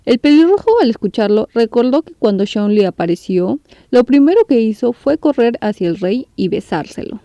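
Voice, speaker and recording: Warm-voiced woman narrating a story. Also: on the high side, moderate pace, dry recording. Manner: steady, even storytelling read. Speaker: narrator of a manga recap channel.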